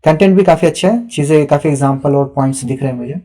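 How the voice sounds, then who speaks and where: Racing through his words in a fairly high, mellow voice, a young male teacher evaluates answer sheets. He reads each student's answer aloud and offers patient, instructive feedback live.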